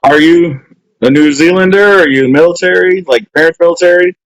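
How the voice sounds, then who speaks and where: A man with a slightly high voice asks quick, curious follow-up questions on a casual podcast. His sound is close and dry, coming from a webcam on a video call. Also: no room sound, poor audio. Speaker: podcast host. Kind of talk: casual interview.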